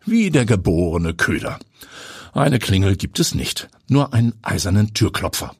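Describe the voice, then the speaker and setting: A man's voice: on the low side, sing-song, normal speed, husky, no echo, studio quality. A man reading a suspenseful story aloud, at times dropping into a whisper. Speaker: audiobook narrator. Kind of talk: scripted narration.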